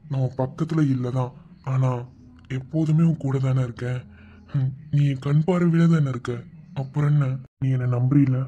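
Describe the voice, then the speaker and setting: A soothing young husband in a homemade cartoon, voiced by a man. His mellow voice carries a Madurai Tamil accent, with faint noise behind. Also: mid-range voice, lightly acted. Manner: gentle, reassuring. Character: calm young husband comforting his wife. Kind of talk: cartoon voice acting.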